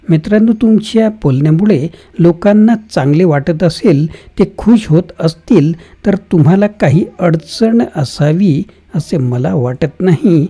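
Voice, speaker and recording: Very mellow, steady book narrator. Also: medium pitch, breathy edge. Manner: steady, even reading with no fillers. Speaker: self-help book narrator. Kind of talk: scripted narration.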